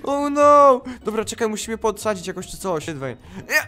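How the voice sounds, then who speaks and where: High-voiced excitable young man gamer. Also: soft background music. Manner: excited, exclamatory, quick reactions. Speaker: gamer playing a child character. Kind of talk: game role-play with voice chat.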